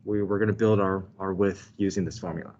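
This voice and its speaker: A man with a fairly low voice gives a step-by-step lesson as a math teacher. He explains each step and checks in as he goes. The recording is a little dull and muffled. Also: steady tone, a little fast, a little mellow. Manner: explanatory, checks in with "okay" and "right". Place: indoors, desk with document camera. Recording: dull, slightly muffled online lesson audio.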